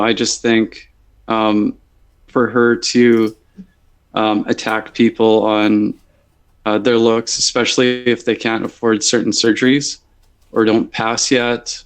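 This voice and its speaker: A man's voice: lowish voice, little pitch movement, measured pace. A man talking bluntly and with strong opinions in a casual group discussion.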